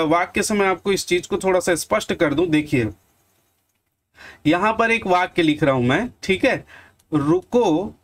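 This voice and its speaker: High-voiced Chhattisgarhi teacher explaining. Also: male voice. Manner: addresses viewers as friends, asks and answers own questions. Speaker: exam-prep teacher. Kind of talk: online lesson with examples.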